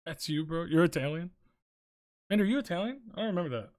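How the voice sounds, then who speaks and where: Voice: mid-range voice, animated, quick pace, darkish tone. A streamer chatting casually with viewers late at night while drawing, rambling and joking, cursing freely and humming between thoughts, speaking from a room at home. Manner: rambling, joking, swears freely, talks to chat; hums to self while working.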